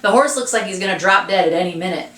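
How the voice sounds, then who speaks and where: A woman's voice: mid-range voice, fast talker, a bit bright. A woman reading a children's novel aloud, adding chatty asides to listeners. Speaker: reader. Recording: roomy echo.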